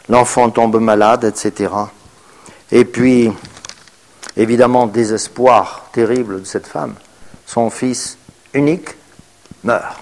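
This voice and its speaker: A man preaching a sermon in French, reading scripture aloud and commenting on it, with hesitations, and moving from raised, emphatic bursts to quiet, murmured asides. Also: mid-range voice.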